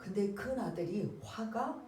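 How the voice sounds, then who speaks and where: A woman's voice: mid-range voice, animated, unhurried, a little mellow, faint music behind. A woman pastor preaching a sermon, asking the congregation questions and acting out the characters' words. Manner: asks the congregation questions and waits for answers; acts out the characters' words in quotes. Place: church sanctuary. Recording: roomy church sound, voice heard from a distance.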